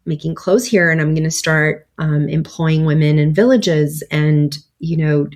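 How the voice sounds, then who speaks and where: A woman's voice: low-pitched, steady tone, unhurried, a little mellow. A woman guest on an interview, talking casually about her clothing brand in a rambling way, with lots of fillers and laughs.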